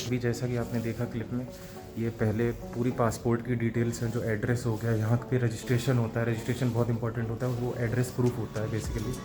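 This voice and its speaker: Young Indian man vlogging over loud music. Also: medium pitch. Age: young adult. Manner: chatty, explaining as he walks. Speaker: vlogger, medical student abroad. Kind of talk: casual vlog narration. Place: outdoors in the cold and inside a gym.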